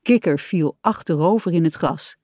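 A woman reading a children's story aloud in a calm, even storytelling voice. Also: lowish voice, moderate pace, no echo, clean studio sound.

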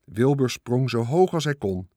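A man's voice: medium pitch, a little slow, no room sound. Man reading a storybook, dry sound. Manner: lively, character-voicing reading. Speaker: narrator. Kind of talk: storybook narration.

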